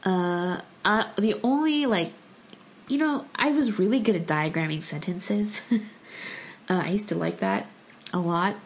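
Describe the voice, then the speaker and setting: With slight background noise around her, a U.S. woman who grew up speaking Korean talks unhurriedly in a mid-range voice. It's a relaxed, casual conversation, and she comes across as thoughtful, often restarting and using fillers.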